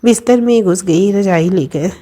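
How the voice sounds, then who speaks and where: A woman telling a story in a plain, even storytelling manner. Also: mid-range voice, normal speed. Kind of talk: storybook narration.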